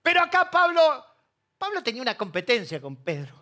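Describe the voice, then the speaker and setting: Pastor argentino de voz muy aguda. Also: male voice, extremely high pitch, wildly swooping pitch, brisk, sharp tone. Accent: Rioplatense Spanish. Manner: humorous, storytelling, asks the congregation questions. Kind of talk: sermon.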